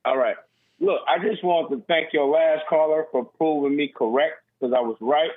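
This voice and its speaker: Guy calling in on speakerphone, thin tinny line, kinda high voice, blunt and stirring things up. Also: moderate pace, no room sound. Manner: blunt, provocative, talks over the host. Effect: phone call that sounds like a speakerphone. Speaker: radio call-in caller. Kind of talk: casual call-in chat.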